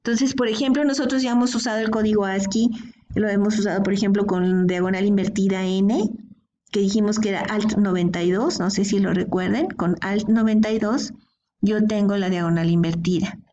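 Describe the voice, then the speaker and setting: A woman's voice: medium pitch, fairly even intonation, brisk, warm tone, muffled recording. A woman teaching a programming class, explaining step by step and often checking in with her students. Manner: explanatory, checks in with frequent "¿sí?" and "¿de acuerdo?". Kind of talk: screen-recorded coding lesson.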